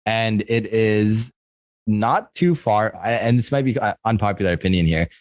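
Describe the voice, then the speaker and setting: A man co-hosting a podcast, asking questions in a relaxed way and laughing along with his guests. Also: on the low side, normal speed, dry recording. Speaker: podcast co-host. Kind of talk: casual interview chat.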